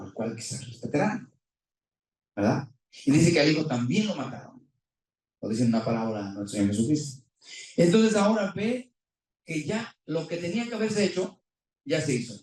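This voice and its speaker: A man preaching a sermon as pastor, impassioned, swinging between loud peaks and quiet passages, asking his listeners many questions. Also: medium pitch. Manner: impassioned, rising and falling, rhetorical questions. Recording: echoey room, voice from far off.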